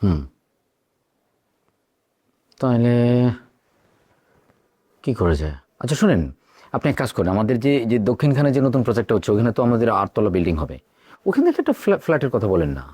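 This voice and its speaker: A man's voice: mid-range voice, sing-song, a little fast, pauses often, dark tone, husky, dry recording. An actor playing a brusque property company boss giving orders to his assistant. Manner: brusque, commanding. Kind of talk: TV drama acting.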